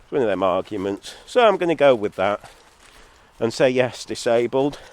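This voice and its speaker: In a sing-song voice at normal speed, a Zambian-born solo video maker now living in England rambles through an argumentative vlog monologue, sardonic asides and all, while fighting a head cold. The level was set too high on his phone or camera, leaving the sound distorted and clipping.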